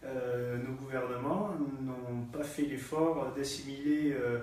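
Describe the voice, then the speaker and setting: A man's voice: medium pitch, fairly even intonation, takes it slowly, darkish tone, slight background noise. Male activist, stumbling delivery, distant echoey recording. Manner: hesitant, many fillers and repeated words. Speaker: party activist. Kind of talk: live political discussion. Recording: distant echoey room sound.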